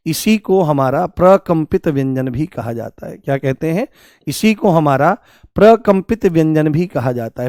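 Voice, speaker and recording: High-voiced male teacher, dry sound. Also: darkish tone, clean tone, no room sound. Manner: repeats key points and quizzes students with questions; addresses students affectionately and drills pronunciation aloud. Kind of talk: live online exam-prep class.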